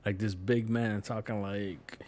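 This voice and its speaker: A man's voice: on the low side, steady tone, a little slow, a little mellow. Laid-back New York man rambling. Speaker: streamer. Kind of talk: casual chat while gaming.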